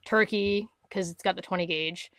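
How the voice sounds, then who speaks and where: A woman from Canada co-hosting a podcast, telling a hunting story in casual chat, animated and swearing, acting out other people's words. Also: on the low side, moderate pace, dry recording. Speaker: podcast co-host.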